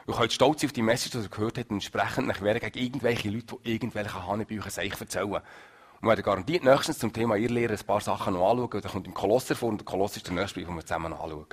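A man preaching a sermon in a lively, emphatic way, swinging between loud and soft. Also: mid-range voice, breathy edge.

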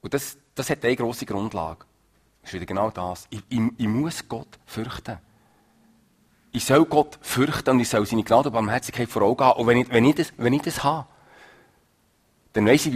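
A man's husky, slightly breathy voice carries a through an energetic sermon. He presses his points hard, then drops down soft. The pitch sits in a middle range. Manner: lively, emphatic, swings from loud to soft. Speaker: preacher.

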